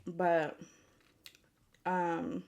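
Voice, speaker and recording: Female food vlogger, lowish pitch, informal and rambling, talking straight to viewers at an easy, unhurried gait. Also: monotone, creaky, darkish tone, muffled recording. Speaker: mukbang vlogger. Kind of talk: casual chat to viewers.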